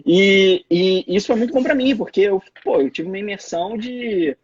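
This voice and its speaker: Telling stories as a guest in a casual interview on a live video call, a young Brazilian man in his twenties often restarts and repeats words. His voice is high-pitched and husky at normal speed, and the phone or laptop mic on the live stream produces lo-fi sound.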